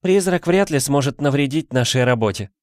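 A man's voice: medium pitch, animated, fairly quick, no room sound, studio quality, pitched above the performer's own voice, lightly acted. A man voicing a sad, tearful painted little girl who whimpers and pleads meekly in a storybook reading. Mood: proud. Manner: whimpering, plaintive. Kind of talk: audiobook character voice.

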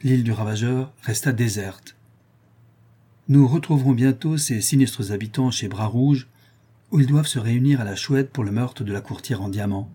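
Narrateur au timbre sombre et voilé. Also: male voice, mid-range voice, slightly rough. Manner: measured, steady storytelling. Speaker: audiobook narrator. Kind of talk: audiobook narration of a classic novel.

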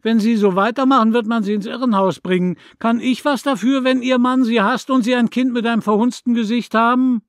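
A man voicing a coarse, mocking neighbor woman who yells back in a brash, sneering way, in an audiobook reading. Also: very high-pitched, fairly even intonation, brisk, few pauses, dry recording, studio quality, pitched above the performer's own voice. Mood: sneering, yelling.

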